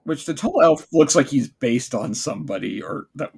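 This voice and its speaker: A man co-hosting with casual, halting, jokey reactions and rambling remarks. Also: on the high side, big pitch swings, gravelly, darkish tone, slightly rough. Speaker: co-host.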